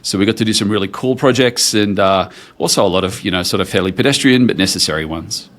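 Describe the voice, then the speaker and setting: Low-voiced Australian man telling his story. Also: quick pace, a bit bright. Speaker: podcast guest, tech entrepreneur. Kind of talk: conversational personal storytelling.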